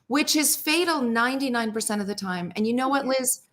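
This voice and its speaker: A woman's voice: on the high side, brisk, fairly bright tone. A woman speaking as a guest expert on a talk show, earnest and telling a story, often repeating words as she restarts. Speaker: guest psychologist.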